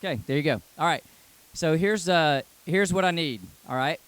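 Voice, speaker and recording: A man, working as a youth pastor, addressing a youth group live. He is loud and energetic at first, then earnest and lower. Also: normal speed, smooth.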